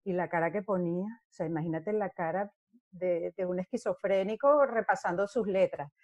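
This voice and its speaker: Mellow-voiced actress. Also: female voice, lowish voice, normal speed, dry recording, dull audio. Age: middle-aged. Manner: animated storyteller who acts out scenes. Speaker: actress, interview guest. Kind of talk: casual interview talk.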